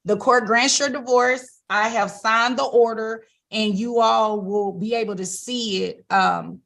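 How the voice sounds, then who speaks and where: A woman judge heard in a courtroom recording of a virtual hearing, running formal proceedings on the record over a video call in a measured, procedural way with brief fillers. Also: fairly high pitch, fairly even intonation, vocal fry, fairly bright tone.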